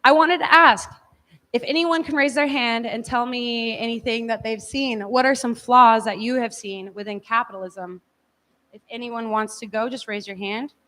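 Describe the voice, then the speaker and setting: A teacher addresses her class in an informal lecture, her voice on the high side and a bit bright, with fairly even intonation at normal speed. She speaks casually and hedgingly, often saying "like," in a large room with long, echoey reverb.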